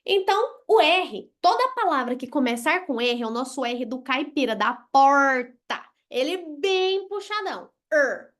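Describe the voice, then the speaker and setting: A woman's voice: high-pitched, big pitch swings, normal speed, hardly any pauses, a bit bright. A Brazilian woman teaching a live English lesson, blunt and playful, drilling words with exaggerated pronunciation.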